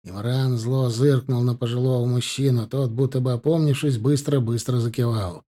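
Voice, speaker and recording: A man narrating an audiobook in a dramatic, expressive manner. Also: medium pitch, moderate pace. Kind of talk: scripted narration.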